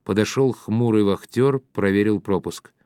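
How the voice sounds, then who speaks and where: A man reading an audiobook as the narrator, in a steady, measured way. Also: lowish voice, clean tone, dry recording, studio quality. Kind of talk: scripted narration.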